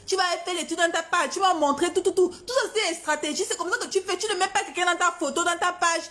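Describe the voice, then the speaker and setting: A woman's voice: very high voice, quick pace, bright, forceful tone. A woman from Gabon, a singer, delivering a defiant, confrontational social media rant, repeating her points for emphasis.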